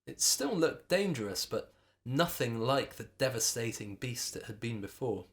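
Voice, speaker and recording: A man's voice: medium pitch, very animated, moderate pace, fairly bright tone. A man reading his children's book aloud, narrating with dramatic expression.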